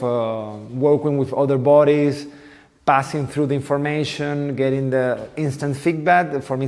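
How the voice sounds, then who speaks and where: A man's voice: medium pitch, a little mellow. Man in his forties, reverberant. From Venezuela. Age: 40s. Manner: thoughtful, searching for words in a second language. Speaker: guest dance teacher. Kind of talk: interview answers.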